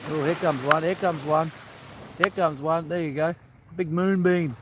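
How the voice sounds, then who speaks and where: A man's voice: fairly high pitch, fairly even intonation, normal speed, noisy background. An Australian man chatting easygoing to viewers on a live stream, greeting them by name. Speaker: livestream host. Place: outdoors by the sea.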